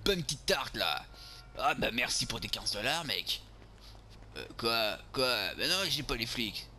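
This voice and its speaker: Un homme qui joue un beauf ivre et vulgaire à l'marseillais, commentant sa partie de jeu vidéo, sur un fond de bruits de jeu bien audibles. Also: male voice, mid-range voice, sing-song, unhurried, pushed and bright, a little hiss or hum, full character voice. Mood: grumbling. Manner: crude, vulgar grumbling, talking to himself while playing. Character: boorish drunk beer-loving lout, man, crude and brash. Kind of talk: game role-play commentary.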